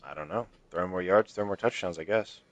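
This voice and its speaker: A young man with a very low, deep voice ribs his buddies in profane gaming banter. He talks over a headset in loose voice chat, needling and cursing freely. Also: brisk, no echo, highs cut off. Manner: trash-talking, profane, needling. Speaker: online league player.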